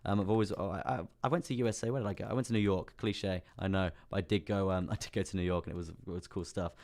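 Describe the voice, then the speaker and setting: A young English man talks quickly and casually in a fairly low, hoarse voice, as if he has partly lost it. He chats loosely, greets people by name, and laughs easily while he walks through his charts. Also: steady tone, a little mellow. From England. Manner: chatty, reads out viewer names and laughs often. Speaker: crypto live-stream host. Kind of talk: casual live-stream chart talk.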